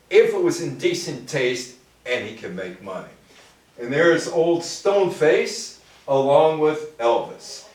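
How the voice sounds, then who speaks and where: In a very echoey room full of listeners, an older American man with a voice on the high side delivers an informal public talk on music history. He reads quotes, offers his comments, and speaks to the audience in short asides, all captured by a distant microphone.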